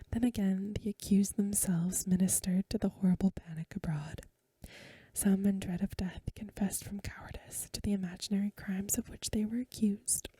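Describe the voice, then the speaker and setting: A woman reads aloud in a breathy, hushed whisper at a measured pace, like a bedtime ASMR recording. Her voice is medium in pitch, with no room sound.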